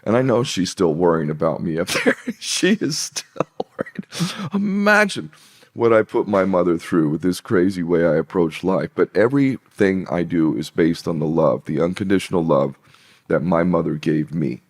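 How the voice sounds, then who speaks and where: A man's voice: deep voice, moderate pace, a little mellow. A man talking passionately as a podcast guest, emphatic and repetitive, with frequent swearing. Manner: emphatic, repeats himself, swears. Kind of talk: impassioned podcast interview talk.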